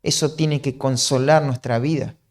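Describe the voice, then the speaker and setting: An Argentine man with a Rioplatense accent delivers an earnest sermon that explains its points and often checks in with a questioning "¿no?". He speaks at a moderate pace in a medium pitch with fairly even intonation.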